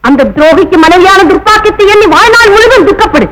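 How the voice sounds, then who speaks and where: A woman's voice: very high-pitched, lively intonation, quick pace, rough recording. An actress playing a proud vengeful woman, speaking in a scornful, declamatory 1950s film melodrama manner. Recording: old film soundtrack with loud music.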